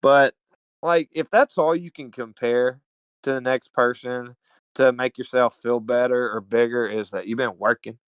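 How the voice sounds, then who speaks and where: A man from Alabama with a Southern US accent, telling stories as a podcast guest in an animated, slangy, profane way. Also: medium pitch, a little slow, clear, resonant tone, dry recording. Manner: animated, slangy and profane, calls everyone dude. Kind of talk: casual storytelling chat.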